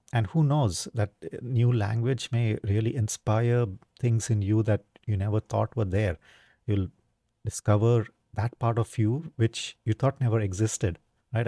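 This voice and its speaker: A man with a fairly low, mellow voice reflects on life in an unhurried, conversational way. He is from India and leans on fillers and tag questions as he thinks aloud, recorded close and dry. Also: dry recording. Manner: casual, thoughtful, many fillers and tag questions. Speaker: podcast host. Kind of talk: reflective solo talk.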